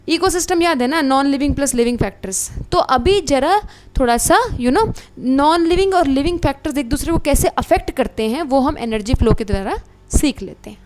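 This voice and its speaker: Woman, high bright voice, lively biology teacher, checks in with students. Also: slight background noise. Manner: animated, addresses students as beta, asks checking questions. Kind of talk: online exam-prep lecture.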